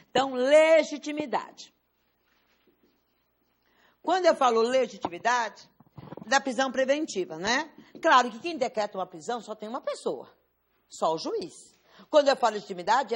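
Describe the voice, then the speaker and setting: Woman teacher quizzing her students. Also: on the high side. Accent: Brazilian Portuguese. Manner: quizzing students with rhetorical questions, stressing key words. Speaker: law course teacher. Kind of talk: classroom lecture.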